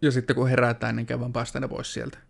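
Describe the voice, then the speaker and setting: A man talks in a quiet, low-key manner in a casual chat. His voice is gravelly with a lot of fry, at an average pitch for a man. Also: completely flat delivery.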